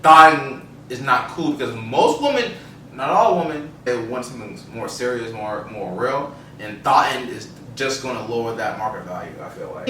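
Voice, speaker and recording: A podcast co-host lays out his opinions in casual, emphatic conversation, his medium-pitched voice pushed and bright. The recording is roomy, with a distant mic and faint noise.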